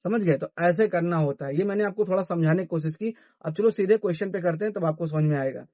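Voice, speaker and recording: A man's voice: high voice, fast, warm tone, dry recording, lo-fi sound. A man teaching a math lesson who asks his students questions and answers them himself. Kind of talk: classroom-style math lesson.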